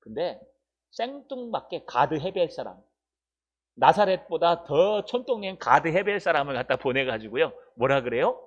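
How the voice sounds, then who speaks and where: Male pastor, high voice, lively sermon with questions to the pews, dull lo-fi church recording. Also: moderate pace, breathy edge. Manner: animated, rhetorical questions to the congregation. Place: church sanctuary.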